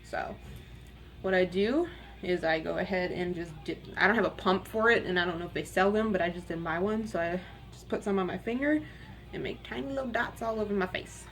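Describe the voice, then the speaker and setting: A young woman with a raspy voice, chatting candidly and rambling a little as she does her makeup in a get-ready-with-me video at home. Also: fairly low pitch, a little fast, faint music behind. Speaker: beauty vlogger.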